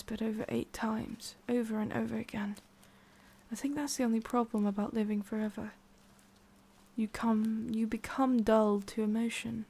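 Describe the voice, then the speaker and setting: A soft-spoken woman plays an immortal witch, lonely and guarded, in an intimate ASMR roleplay where she often drops to a whisper. Her voice sits on the high side and has vocal fry.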